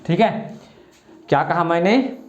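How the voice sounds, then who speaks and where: A man's voice: a little high, unhurried. A man teaching a chemistry lesson, asking questions and answering them himself while stretching out key terms. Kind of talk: classroom lecture with call-and-response. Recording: roomy, muffled lo-fi sound.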